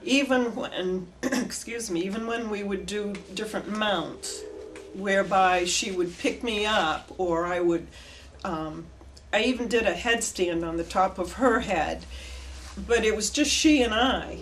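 A woman's voice: medium pitch, measured pace, a little hiss or hum. An older woman reminiscing in an interview, telling her story animatedly. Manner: animated storytelling, gestures with hands. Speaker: oral history interviewee. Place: indoor room before flags.

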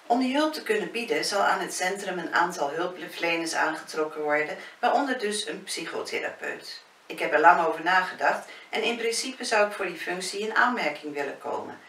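A woman's voice: fairly low pitch, lively intonation, fairly quick, a bit bright, pitched above the performer's own voice. A woman reading the lines of a curious, candid young therapist in a spoken novel. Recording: roomy, distant, faint hiss.

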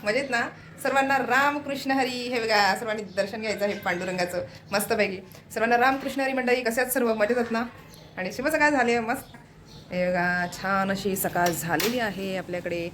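A woman's voice: fairly high pitch, a little fast, a bit bright, slight background noise. A woman vlogger with a Marathi accent chatting casually through her home routine, often pointing things out to viewers. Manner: chatty, repeats "look here" while showing things. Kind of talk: casual home vlog narration. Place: home, kitchen and window.

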